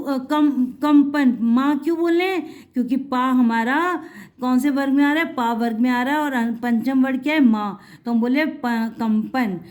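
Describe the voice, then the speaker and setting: A woman with a high voice teaches Hindi letters to children. She speaks patiently, draws words out slowly and checks in with quick questions. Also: darkish tone. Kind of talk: video lesson for children.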